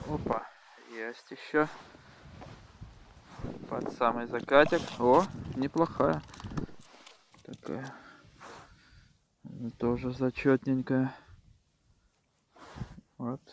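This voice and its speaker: A man giving casual, unhurried commentary on his own fishing in short muttered remarks, recorded outdoors with wind on the mic. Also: medium pitch, fairly even intonation, vocal fry. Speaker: angler filming own fishing vlog.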